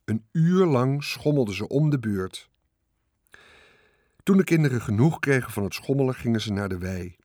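A man's voice: normal speed, no room sound, clean studio sound. A man reading a children's story aloud, expressively following the action with his voice. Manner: expressive, swings pitch with the action. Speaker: narrator. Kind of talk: storybook narration.

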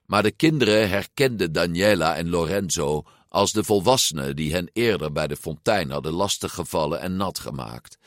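A man reading a children's storybook aloud as narrator, expressive and acting out the figures. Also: low-pitched, normal speed, few pauses, no echo, studio quality. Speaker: audiobook narrator.

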